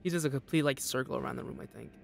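A young man streams a game and chats casually but nervously, talking rapid-fire in a gravelly voice and laughing often. He gets jittery and mimics enemies in high voices, with faint music playing behind him.

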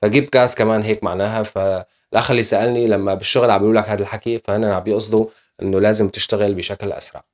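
Brief: male language teacher, low voice, talks very fast, chatty step-by-step explainer. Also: flat delivery, a little mellow. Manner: explains step by step with frequent fillers. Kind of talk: casual video lesson.

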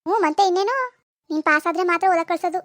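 A woman's voice: extremely high pitch, steady tone, racing, fairly bright tone, no room sound, studio quality. A woman voicing a scolding, mocking village mother in a cartoon, with a rural Karnataka Kannada accent. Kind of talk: cartoon voice acting.

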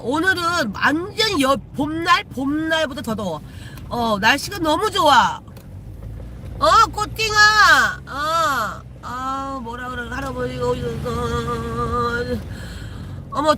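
A woman's voice: sits high, animated, slow pace, sharp tone, slight background noise. A woman, a shaman chatting casually with viewers on a live stream from her car, teasing and swearing freely. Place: in a car while driving.

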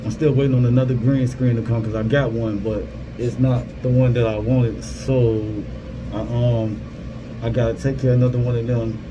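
A man in his thirties chats informally through a cloth face mask, as a gamer updating his followers. His pitch is mid-range and he often repeats himself. He is recorded on a phone in a small booth, with clear ambient and vehicle noise. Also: flat delivery, normal speed, muffled recording. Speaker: gaming content creator. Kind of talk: casual vlog update. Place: small security guard booth.

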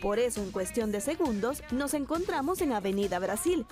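A woman's voice: a little high, normal speed. Woman's news voice-over. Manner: smooth, steady voice-over delivery. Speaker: TV reporter narrator. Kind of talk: scripted news narration. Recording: voice-over with music bed.

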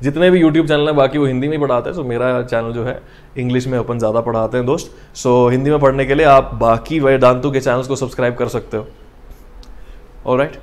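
A man's voice: medium pitch, steady tone, rapid-fire. A young man with a North Indian accent teaching a live online lesson in an informal way, mixing English and Hindi. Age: young adult. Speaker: chemistry teacher. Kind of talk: live online lesson, explaining and chatting with students. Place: indoor studio in front of a digital board.

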